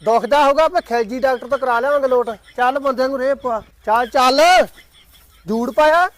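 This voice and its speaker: A man acting a pushy villager in hearty, loud banter for a comedy skit. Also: extremely high pitch, brisk. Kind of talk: acted rural comedy skit.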